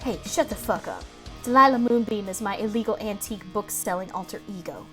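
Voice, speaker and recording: A woman's voice: medium pitch, lively intonation, brisk, sharp tone, faint music behind. A woman voicing a brash, foul-mouthed young woman who deals in shady books and bosses her friend around. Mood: threatening. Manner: blunt, swearing, bossy.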